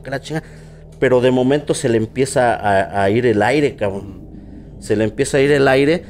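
A Mexican man in a relaxed podcast chat, spinning a spooky work story in loose street slang and a steady middle-pitched voice. Faint noise hums along behind him. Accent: Mexican Spanish. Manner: slangy, filler-heavy, acts out quoted voices. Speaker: podcast host.

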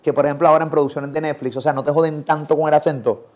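A man's voice: on the high side, fairly even intonation, very fast, darkish tone. A man with a Puerto Rican accent interviewing a guest in casual, blunt talk full of swearing. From Puerto Rico.

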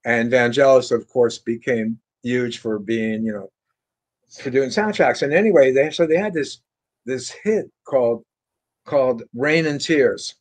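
This is a guitarist guest, an older man from France, storytelling casually in an interview over a video call. Behind him, bookshelves line the room. His voice is medium-pitched and unhurried, drifting along relaxed and rambling, with many fillers and false starts.

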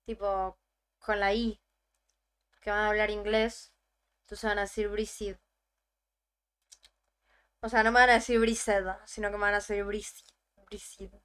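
Una joven argentina que charla en su stream, juguetona y ruidosa, que bromea y repite palabras en voz alta. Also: female voice, medium pitch, little pitch movement, a little slow, pauses often, clear, resonant tone. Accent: Argentine Spanish. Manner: playful, loud, joking, repeats words aloud. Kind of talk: casual livestream chat.

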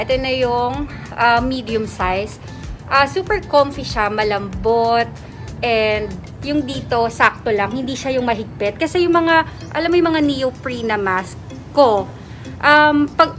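A young Filipino woman vlogging, her voice muffled by the face mask she is wearing. She chats casually and reviews a product for her viewers. Her voice sits a little high, with music playing behind her. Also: normal speed, fairly bright tone. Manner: chatty, mixes English into Tagalog, addresses viewers as guys. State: talking through a face mask.

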